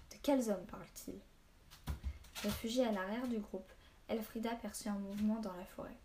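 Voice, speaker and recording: A woman narrating an audiobook in a quiet, measured storytelling voice. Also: medium pitch, a little hiss or hum.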